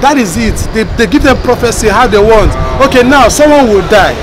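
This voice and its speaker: A man's voice: extremely high pitch, expressive, fairly quick, over music, rough recording. A Ghanaian man in his thirties, interviewed on a city street, talks in a preachy way and quotes scripture. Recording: street crowd noise.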